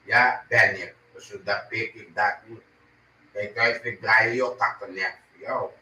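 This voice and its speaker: A man's voice: fairly low pitch, fairly even intonation, a little slow, sharp tone. Agitated man ranting in a roomy space. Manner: agitated, ranting, repeats himself. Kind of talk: angry monologue to camera. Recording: roomy, distant from the mic, faint noise.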